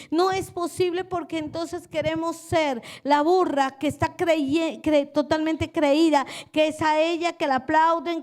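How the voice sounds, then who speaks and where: A woman's voice: high voice, darkish tone. A woman pastor preaching a sermon earnestly, repeating her phrases and putting questions straight to her listeners.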